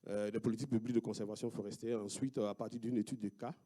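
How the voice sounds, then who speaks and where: A man with an Ivorian French accent, a sociologist giving an academic talk with slides, speaking haltingly with many fillers and restarts. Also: on the low side, steady tone, dark tone. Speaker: sociologist presenting research.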